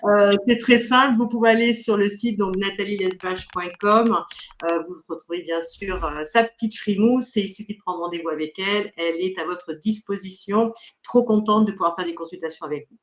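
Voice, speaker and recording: A woman's voice: fairly low pitch, moderate pace. A woman host and medium chatting casually in an interview, telling her own anecdotes. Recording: echoey room.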